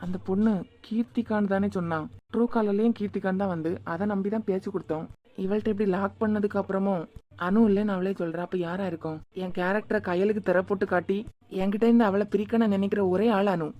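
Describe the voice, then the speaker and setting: A woman's voice: mid-range voice, fairly even intonation, a little fast, muffled recording, natural voice. A woman with a Kanyakumari Tamil accent voicing a scheming young man in a cartoon web series. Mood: defensive. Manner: pleading then menacing.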